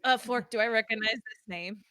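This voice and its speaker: A woman's voice: on the high side, brisk, sharp tone, clean tone, dry recording. A woman chatting casually as a player in an improvised tabletop role-playing game.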